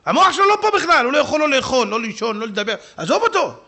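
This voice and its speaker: High, lively-voiced rabbi giving a sermon. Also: male voice. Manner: animated, jumps into shouted asides and quick put-on voices; humorous, talks straight to the audience. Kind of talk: sermon with storytelling. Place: synagogue hall.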